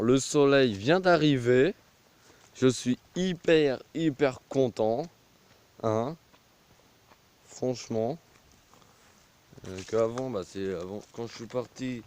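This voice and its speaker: A man rambles slowly and hesitantly while walking outdoors, his lowish voice caught by a phone held out on a pole. He trails off with little fillers between thoughts. Faint countryside sounds sit behind him. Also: darkish tone. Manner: hesitant, full of fillers and trailing "voilà, hein". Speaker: vlogger. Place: outdoors on a country path in a village. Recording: faint rural outdoor noise.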